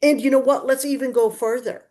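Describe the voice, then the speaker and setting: Woman teaching religion class, higher female voice, preachy lecture style, repeats her points for emphasis. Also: fairly even intonation, a little fast, darkish tone. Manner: didactic and emphatic, repeating key phrases for emphasis. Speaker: religious teacher giving a Quran exegesis class.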